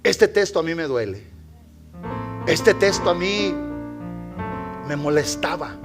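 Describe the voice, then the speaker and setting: A male pastor preaching a sermon in a church, swinging between loud exhortation and quiet storytelling. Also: fairly high pitch, lively intonation, slow, soft background music.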